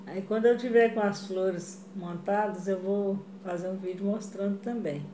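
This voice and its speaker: A middle-aged Brazilian craft vlogger makes fabric flowers in her home kitchen, chatting casually with viewers she calls "gente" and dropping frequent check-ins like "né?" and "tá?". Her medium-pitched voice has a dark tone, fairly even intonation and normal speed. The tiled walls make the recording echoey, with slight background noise.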